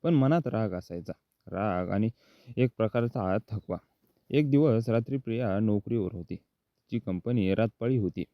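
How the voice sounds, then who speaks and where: A man narrates a first-person story in a measured, steady voice that sits on the low side. The recording is dull and lo-fi, with a dry sound and no room echo.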